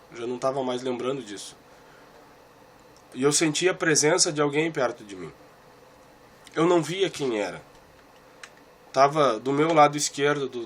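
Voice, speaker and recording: A man's voice: mid-range voice, slight background noise. Earnest man recounting a vision. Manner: earnest and emotional, with repeated phrases; talks straight to one listener. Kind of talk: personal religious testimony recounting a vision.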